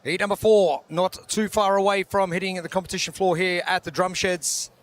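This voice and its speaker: A man's voice: high voice, fairly even intonation, normal speed. A man giving live broadcast commentary on a fitness competition. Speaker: sports commentator.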